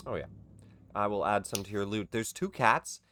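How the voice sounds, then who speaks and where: A man's voice: on the low side, normal speed, a bit bright, a little hiss or hum. A man narrating as game master, loose and rambling, correcting himself as he goes.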